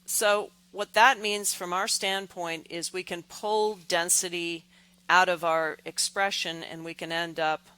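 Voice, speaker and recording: An engineering instructor explains things step by step in deliberate, halting phrases, repeating words. Her voice is low-pitched, pushed and bright.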